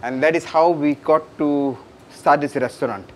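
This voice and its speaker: A middle-aged cafe owner speaking casually and hesitantly in an interview, seated indoors. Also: male voice, on the high side, a little slow, slight background noise. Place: indoor room.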